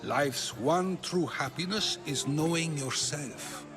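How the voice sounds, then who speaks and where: A male actor with a voice on the high side voices an ancient Athenian philosopher in a video game, probing and articulate as he muses and questions. He takes it slowly, with game music playing in the background.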